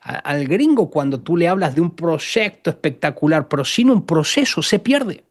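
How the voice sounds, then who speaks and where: A man from Argentina with an Argentine accent, a guest telling animated stories in a conversational interview. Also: a little high, moderate pace, dry recording, clean studio sound. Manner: animated storyteller, acts out quotes.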